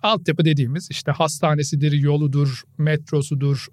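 A man's voice: on the high side, fairly even intonation, fairly quick, no room sound. A man co-hosting a casual podcast chat, telling stories and explaining things point by point. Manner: storytelling, explains in numbered points. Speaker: podcast co-host.

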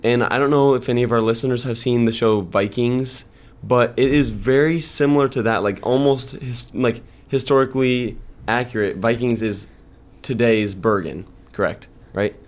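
This young podcast co-host has a mid-range voice and talks at a moderate pace with few pauses. In casual conversation he rambles through stories, loading them with fillers.

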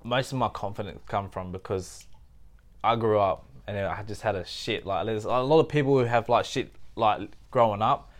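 Man, low voice, guest on a podcast, halting casual speech, lots of fillers. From Thailand. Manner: halting, filler-heavy storytelling. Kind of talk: casual conversation.

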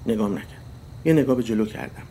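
A man telling a first-person story in a measured, wry narrating voice. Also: on the low side, lively intonation, dark tone, slight background noise.

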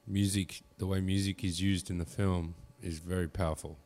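A man's voice: deep voice, level tone, moderate pace, darkish tone. A man chatting casually about films as a podcast co-host, sweary and slangy. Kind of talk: casual film chat. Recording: clearly noisy background ambience.

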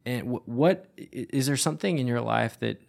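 A man's voice: mid-range voice, expressive, normal speed, vocal fry, a little mellow. A man interviewing a pastor, asking thoughtful questions with some hesitant restarts. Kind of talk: conversational interview.

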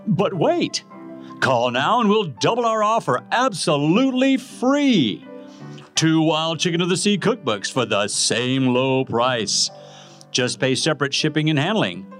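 A man announcing a parody infomercial in a hard-selling, emphatic way. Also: fairly high pitch.

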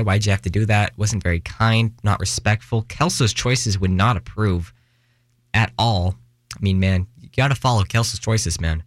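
Recorded with studio quality and no echo, a young podcast host in Washington, US, speaks in a fairly low voice. Alone on the mic, he rambles casually, restarts often, uses fillers, makes fun of himself, and runs short of breath.

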